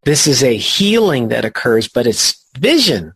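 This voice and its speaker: A man leading a spiritual study group, teaching in a slow, reflective and emphatic way. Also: mid-range voice, very animated, a bit bright, husky, no echo.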